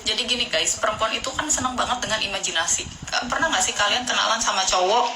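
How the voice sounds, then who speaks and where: A woman's voice: medium pitch, fast. A woman in her thirties talks through relationship advice in a loose, chatty way, restarting her sentences as she goes. Her voice bounces around an echoey room, with noticeable background noise behind it. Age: 30s. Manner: talkative, frequent fillers and restarts. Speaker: advice vlogger answering viewer questions. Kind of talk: casual chatty advice talk.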